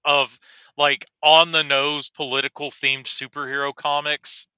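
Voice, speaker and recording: A man co-hosting a casual chat, excitable and quick to react. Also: fairly high pitch, clear, resonant tone, no room sound.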